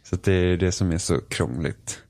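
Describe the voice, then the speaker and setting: A young Swedish man with a fairly low voice co-hosting a laid-back chat podcast. He talks in a dry, self-deprecating way, often restarting his sentences. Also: darkish tone. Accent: Swedish from Sweden, Finland-Swedish family background. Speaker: podcast co-host. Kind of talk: casual chat.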